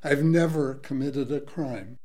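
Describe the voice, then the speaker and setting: A bewildered detainee from Mexico, played by a man, pleading to understand why he is held. He speaks slowly and plainly, in a radio-drama style. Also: mid-range voice, mellow, lightly acted. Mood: calm. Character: anxious detained widowed male business owner.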